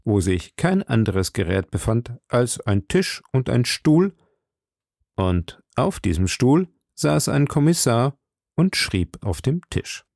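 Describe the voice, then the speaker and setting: Gravelly male audiobook narrator. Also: medium pitch, very animated, slow pace, a little mellow, dry recording, studio quality. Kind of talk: scripted literary narration.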